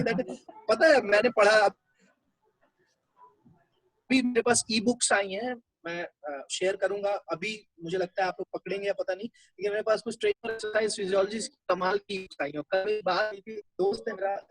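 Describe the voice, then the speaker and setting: A man's voice: sits high, moderate pace, breathy edge, no room sound, faint music behind, poor audio. A male teacher giving a classroom lecture, talking conversationally and explaining things step by step.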